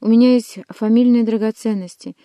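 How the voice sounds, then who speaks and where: A woman's voice: medium pitch, normal speed, mellow, no room sound, clean studio sound, natural voice. A woman reading aloud and voicing an elderly father who frantically begs for his son's life. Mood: pleading. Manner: begging, frantic. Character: desperate elderly father pleading for son.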